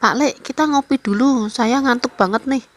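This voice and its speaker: Pemuda yang penasaran dan gelisah, dibawakan seorang perempuan. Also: female voice, high-pitched, moderate pace, pitched above the performer's own voice. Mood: curious. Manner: questioning, polite. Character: young man, nephew, curious and uneasy.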